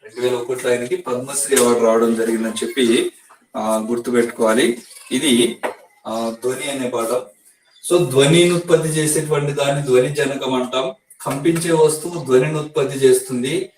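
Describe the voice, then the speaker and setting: A man's voice: medium pitch, fairly even intonation, normal speed, a little mellow, slight background noise. Teacher man, echoey and far off. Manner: explains step by step, repeats key facts to memorize. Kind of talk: exam-prep science lesson. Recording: echoey room, voice from a distance.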